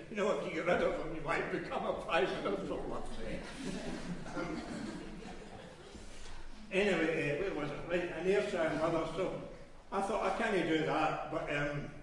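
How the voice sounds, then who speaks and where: Heard from far away in an echoey hall, with a little hiss or hum, this fairly high-pitched Glaswegian poet meanders hesitantly through his live reading. He fills it with ems and ehs and drifts into digressions.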